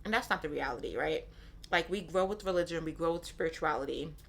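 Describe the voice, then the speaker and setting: Speaking fast with a low pitch and some vocal fry, this podcast host has a slightly bright sound. She's in her thirties, was born in Nigeria and grew up in Brooklyn, New York, and her casual solo show is candid, with repeated phrases and lots of "right?" thrown in.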